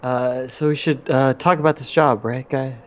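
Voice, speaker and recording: A man playing a tabletop role-playing game improvises in-character dialogue hesitantly, with halting delivery and trailing phrases. His voice is medium-pitched and steady.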